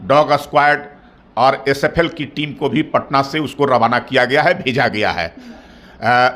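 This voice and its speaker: A middle-aged man, speaking as a party spokesperson in a formal interview, measured and repetitive, building into firm claims. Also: mid-range voice, a bit bright. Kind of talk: formal political interview answers.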